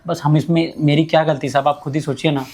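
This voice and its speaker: A man's voice: a little high, little pitch movement, quick pace, darkish tone, lightly acted. A man playing a poor, humble security guard who pleads and complains about his bosses. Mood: pleading. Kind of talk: amateur short-film acting.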